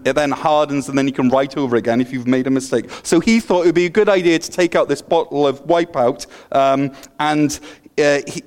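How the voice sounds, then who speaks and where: Preaching with a Welsh accent at a fairly high pitch, a middle-aged pastor from Wales keeps his sermon joking and self-deprecating. A slight stutter and many restarts run through it.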